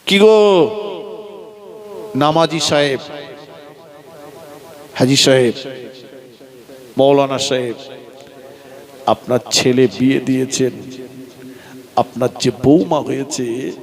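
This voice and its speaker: A man's voice: mid-range voice, creaky, low-quality recording. A male preacher delivering a sung sermon at a gathering, with a chanting, melodic sing-song delivery and a Bengali accent.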